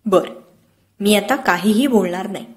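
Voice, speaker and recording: A woman voicing a stern but loving village mother, speaking firmly and gently. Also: medium pitch, a little slow, close to an everyday voice. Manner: firm, scolding yet gentle.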